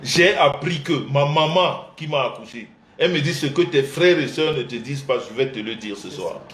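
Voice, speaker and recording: A man host of a live couples show, telling a family story with animated voices and frequent laughter. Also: medium pitch, moderate pace, reverberant, slight background noise. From Central Africa. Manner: acts out his mother's and father's voices, laughing often. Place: indoor room, livestream.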